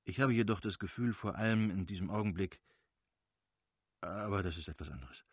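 A man's voice: low-pitched, fairly quick, slightly rough, no echo, studio quality. A man reading as a subdued, dejected younger brother. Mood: earnest. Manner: subdued, hesitant, quiet.

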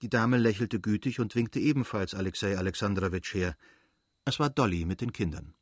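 Low-voiced male audiobook narrator. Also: breathy edge, dry recording, studio quality. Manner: even, measured reading.

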